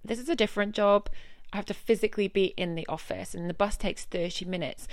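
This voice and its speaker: A woman's voice: mid-range voice, fairly even intonation, quick pace, dry recording. A young woman venting in a chatty, exasperated way about her working day, as a casual vlog. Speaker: vlogger, news journalist.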